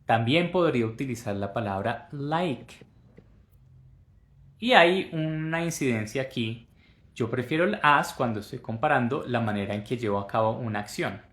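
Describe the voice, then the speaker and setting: A man from Colombia teaching English in Spanish, slowly modeling English phrases and repeating them for learners. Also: mid-range voice, lively intonation, fairly bright tone, echoey room. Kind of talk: Spanish-language English lesson.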